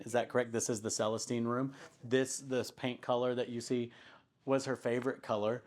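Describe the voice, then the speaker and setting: A man interviewing a business owner during a casual tour, often affirming with yeah and okay. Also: on the low side.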